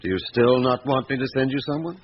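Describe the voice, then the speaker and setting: An actor playing a weary, methodical police chief inspector in a radio drama, questioning in a measured, probing way with dry retorts. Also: male voice, mid-range voice, close to an everyday voice. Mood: probing, firm. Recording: muffled, hissy radio drama recording.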